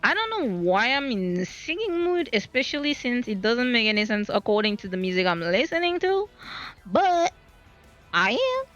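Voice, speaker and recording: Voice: mid-range voice, sing-song, a little fast, few pauses, a bit bright, dull audio, faint music behind. A streamer in casual gaming chat, rambling to themselves and swearing freely, recorded on a laptop mic. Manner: rambling, self-talking, swears a lot.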